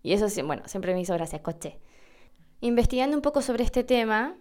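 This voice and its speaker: A woman from Argentina talks fast and very animatedly in a slightly high, somewhat mellow voice with her native accent. On her casual podcast she teaches Spanish pronunciation and demonstrates sounds herself.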